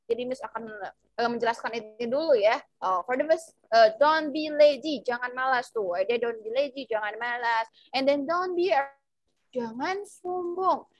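A young woman with an Indonesian accent teaching children English over a video call, switching between English and Indonesian and spelling out phrases slowly for her pupils. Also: sits high, low-quality recording. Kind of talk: online English lesson for children.

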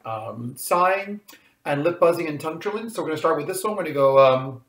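A man leading a vocal warm-up lesson as a choir coach, with a morning voice, talking lightly and encouragingly and joking at his own singing. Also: on the high side, animated, a little fast, echoey room, soft background music. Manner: light, self-deprecating, encouraging.

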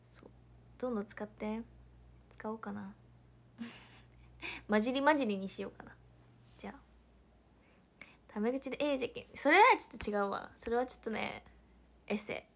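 A young woman from Hiroshima with a Hiroshima accent, chatting casually on a livestream, reading viewer comments aloud and laughing often. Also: fairly high pitch. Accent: Hiroshima Japanese. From Hiroshima, Japan. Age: young adult. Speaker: idol livestreamer.

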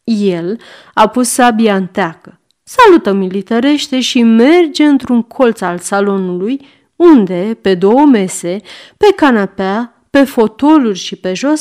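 A woman reading a classic short story aloud as an audiobook narrator, in a measured, expressive way. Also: fairly high pitch.

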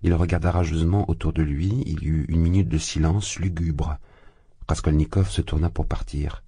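Deep, husky male audiobook narrator. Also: fairly even intonation, warm tone, dry recording. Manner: measured literary reading. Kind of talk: scripted narration.

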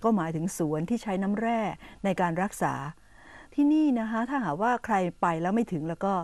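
A woman hosting an educational program, patiently explaining English words to Thai viewers and repeating them slowly and clearly. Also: mid-range voice, expressive, a little mellow, dry recording. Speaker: English teacher and host.

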